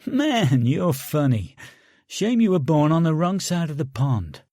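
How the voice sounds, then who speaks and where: A man's voice: on the high side, big pitch swings, measured pace, mellow, no room sound, clean studio sound. A man voicing a brash, mocking American sergeant in an audiobook, talking in cocky, needling banter. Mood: taunting.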